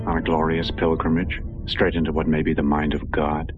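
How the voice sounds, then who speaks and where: An actor playing an awestruck, idealistic scientist in an audio drama. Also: male voice, very deep voice, little pitch movement, fairly quick. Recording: dull record, loud music behind.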